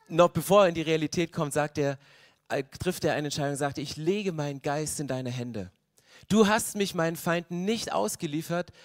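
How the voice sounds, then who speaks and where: A young man preaching a sermon, earnest and rising to loud, passionate stretches. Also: on the high side, dry recording, clean studio sound. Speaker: pastor.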